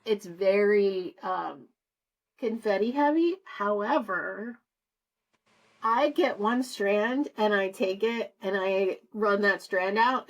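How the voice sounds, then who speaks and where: A woman co-hosting a casual chat, talking enthusiastically and restarting her sentences. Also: medium pitch. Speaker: co-host.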